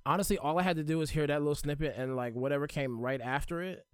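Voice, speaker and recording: A man's voice: fairly high pitch, quick pace, smooth, dry recording, clean studio sound. A man chatting informally and candidly as a podcast host. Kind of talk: casual podcast chat.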